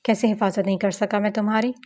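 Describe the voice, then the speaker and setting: A woman's voice: mid-range voice, fairly even intonation, quick pace, a little mellow, lightly acted. A woman reading an audiobook novel, voicing a broken, desperate young man who pleads in anguished outbursts.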